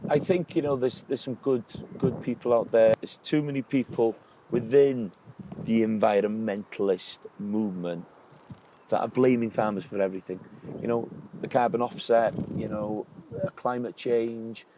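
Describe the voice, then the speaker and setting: A man's voice: fairly low pitch, fairly even intonation, moderate pace, background noise. A man, a farmer, speaking earnestly and plainly in a documentary interview.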